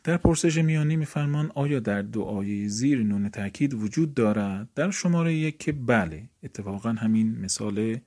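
A man's voice: medium pitch, expressive, hardly any pauses, darkish tone. A man explaining a grammar lesson, repeating words for emphasis and addressing his listeners politely. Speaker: teacher.

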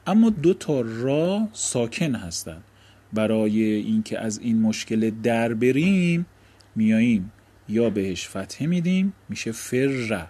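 Male teacher, husky and low, walks through grammar rules by asking himself questions. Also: dark tone. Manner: explanatory, asks and answers own questions. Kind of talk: Arabic grammar lesson.

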